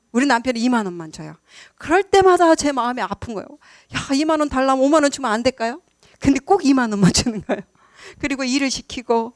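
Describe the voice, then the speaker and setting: A middle-aged woman gives a church sermon in a chatty, storytelling way, often laughing and turning questions to the congregation. Her voice sits a little high. The recording is dry, with little room sound. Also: no room sound. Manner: warm storytelling with frequent laughs and questions to the audience. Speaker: church speaker.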